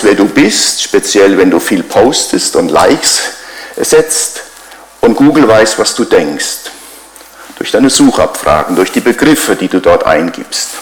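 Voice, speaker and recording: A man's voice: lowish voice, roomy sound, low-quality recording. A middle-aged man giving a conversational sermon as a pastor, driving his points home with repeated rhetorical questions.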